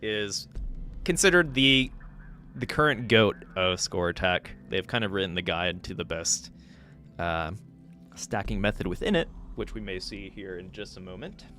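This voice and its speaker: A man's voice: low-pitched, expressive, moderate pace, sharp tone, soft background music. A man hosting a live stream, casually commentating game matches and chatting with players, thinking aloud with fillers. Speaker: stream host and match caster.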